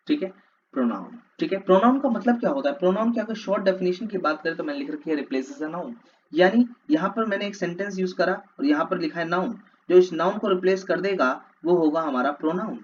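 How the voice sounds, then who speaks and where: A man's voice: a little high, darkish tone. A male teacher giving an exam-prep lesson, drilling words with repeated call-and-response questions. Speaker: English teacher. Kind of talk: classroom lecture for exam prep. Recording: slightly dull lo-fi audio with faint hiss.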